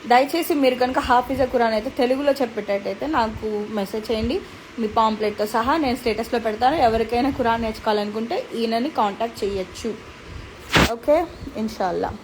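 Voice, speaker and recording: A woman's voice: on the high side, fairly quick, slight background noise, rough recording. A young woman with a Telugu accent, chatting casually and earnestly as host, answering viewers and slipping into English now and then. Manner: earnest, conversational, with code-switching to English. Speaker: host reading viewer comments. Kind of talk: casual live chat.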